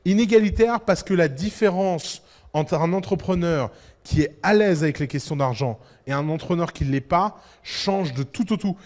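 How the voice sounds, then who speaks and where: A man giving a lively talk to an audience as an entrepreneur, emphatic and full of rhetorical questions. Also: a little high, moderate pace, in a large hall. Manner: emphatic, rhetorical questions, acts out little dialogues.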